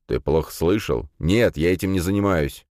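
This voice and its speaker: A man's voice: sits low, normal speed, a little mellow, no room sound, clean studio sound, natural voice. A man voicing a curt, grumbling middle-aged university rector in an audiobook. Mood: irritated.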